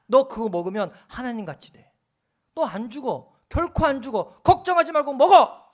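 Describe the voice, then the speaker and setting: A male pastor voicing a tempting devil, loudly and urgently coaxing someone to disobey. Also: very high voice, animated, moderate pace, voice pushed up.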